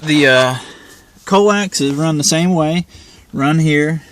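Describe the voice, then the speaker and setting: This amateur how-to presenter has a somewhat high, slightly bright voice and takes his time, with a faint hiss or hum underneath. He demonstrates a task casually among parked vehicles, keeping his talk plain, folksy and informal.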